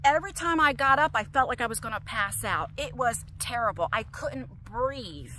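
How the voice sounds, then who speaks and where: A middle-aged woman speaks in a confessional vlog with a high, bright, sharp-edged voice. She talks in an emotional, rambling way, often restarting her sentences as she paces. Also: lively intonation, normal speed, slight background noise. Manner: pacing while talking. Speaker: vlogger.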